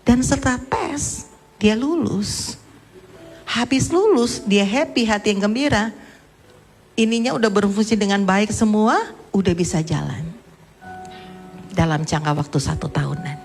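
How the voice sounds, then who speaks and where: A middle-aged woman pastor preaching a sermon, telling a story and acting out the voices she quotes, with emphatic rising questions. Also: mid-range voice.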